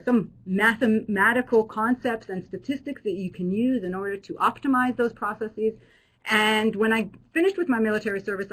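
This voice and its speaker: A business school professor who grew up in Israel hosts an online alumni webinar in a friendly manner, using many fillers and restarts. Her mid-range voice has a fairly bright tone, and the recording quality is low.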